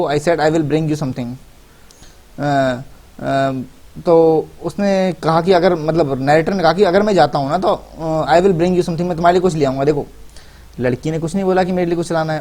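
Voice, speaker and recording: A man teaching a story, reading English lines slowly and then explaining them in Hindi with many fillers. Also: fairly high pitch, darkish tone. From India. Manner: repeats and rephrases with many fillers.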